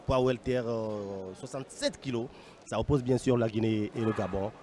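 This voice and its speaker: A man's voice: lowish voice, normal speed, darkish tone. A man commentating live on a fight, unscripted, hesitating and repeating phrases as he goes.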